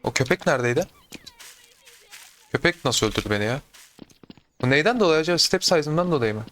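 A young adult man doing casual gameplay commentary, excitable, talking to himself and viewers with sudden yelps. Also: a little high, fast talker, a little hiss or hum. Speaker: gaming YouTuber.

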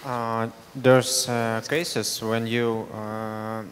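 A man in a conference audience asks a technical question, halting and full of fillers. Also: medium pitch, flat delivery, slight background noise. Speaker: audience member asking a question. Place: large conference hall. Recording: distant reverberant hall with faint ambience.

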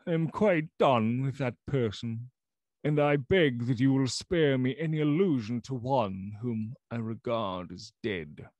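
A man reading an older man who is doomed and terrified, loud and unsteady, with pleading cries. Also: on the high side, expressive, unhurried, no room sound, pitched above the performer's own voice. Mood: vehement.

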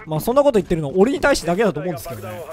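A man's voice: high-pitched, very animated, racing. A man in his twenties giving joking, self-mocking commentary over his gameplay. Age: 20s. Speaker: gaming video creator.

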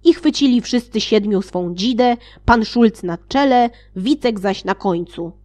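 A woman's voice: animated, measured pace. Woman reading a fairy tale playfully. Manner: reads with sarcastic asides and laughs; acts out shouted quotes with raised pitch. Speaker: audiobook reader.

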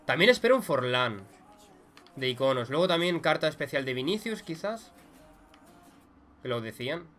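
A young man with a Spain Spanish accent giving excited gameplay commentary as a gaming YouTuber, swinging between muttered remarks and loud shouts. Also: on the high side, moderate pace.

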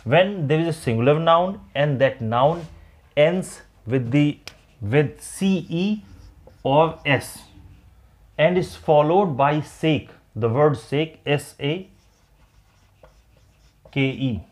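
A man teaching an English grammar lesson, explaining slowly and deliberately. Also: fairly high pitch, animated. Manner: slow, deliberate explaining, mixing English and Hindi.

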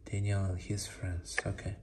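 An adult giving casual, halting, muttered commentary while playing along with a children's app. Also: low-pitched, level tone. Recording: loud background noise, clicking.

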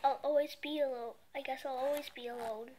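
A woman voicing a lonely, dejected police chief in a storybook reading, quiet and mumbling. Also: sits high, fairly even intonation, brisk, a little hiss or hum, close to an everyday voice. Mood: glum.

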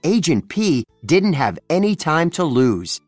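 Lively read-aloud storybook narrator. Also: mid-range voice, unhurried, slightly rough, no room sound, soft background music. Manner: expressive storytelling. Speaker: storybook reader.

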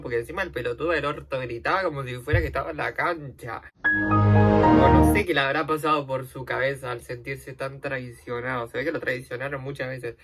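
A young woman with a Rioplatense accent telling a dramatic, slangy story while doing her makeup for a vlog. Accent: Rioplatense Spanish. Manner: dramatic, slangy, swings between loud outbursts and low asides. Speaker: vlogger.

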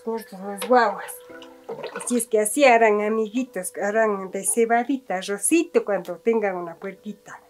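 A middle-aged woman, her voice a little high and her accent Andean Spanish, casually demonstrates farm cooking for the camera, using many fond diminutives in a homely style. She's in a small indoor rustic kitchen with a wood fire. The audio, from a handheld camera or phone close at hand, is clearly noisy with clicking kitchen sounds.

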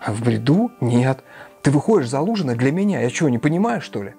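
A man's voice: mid-range voice, very animated, brisk, mellow, soft background music, voice pushed up. A man voicing a feverish, irritable young man who gives curt commands. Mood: commanding.

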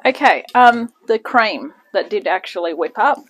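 A woman's voice: medium pitch, animated, a little slow, fairly bright tone, slightly rough, low-quality recording. A woman hosting a casual home cooking demonstration in her kitchen, chatty and self-deprecating with rambling asides. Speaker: home cooking channel host.

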